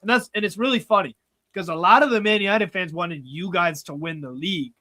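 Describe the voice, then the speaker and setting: A man's voice: high voice, a little fast, sharp tone, no room sound. A man chatting casually as a guest streamer, loose and sweary in his phrasing. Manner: sweary, laid-back phrasing. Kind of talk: casual chat.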